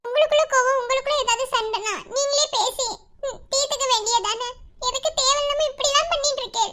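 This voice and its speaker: A woman voicing a timid young college girl in a cartoon, pleading softly through tears. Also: quick pace. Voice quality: very high, bright voice. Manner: pleading, soft and tearful. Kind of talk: animated cartoon voice acting.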